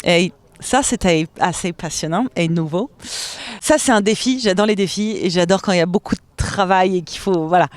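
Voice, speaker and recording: A stage actress from France speaking in an interview, enthusiastic and expressive, laughing often between thoughts. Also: female voice, on the low side, normal speed, no room sound.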